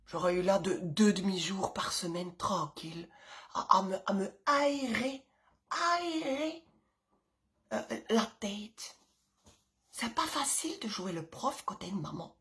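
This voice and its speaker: A woman's voice: mid-range voice, very animated, slow, fairly bright tone. A middle-aged woman and mother chatting casually to her audience, rambling with many asides and fillers, often dropping to a whisper. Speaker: vlogger, mother of several children. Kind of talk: casual chatty monologue to camera.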